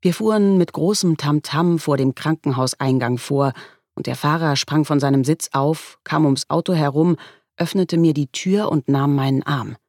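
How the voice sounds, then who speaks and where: A woman reading a first-person story aloud in a wry, measured way. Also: low voice, darkish tone, no room sound, studio quality. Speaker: audiobook narrator. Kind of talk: first-person audiobook narration.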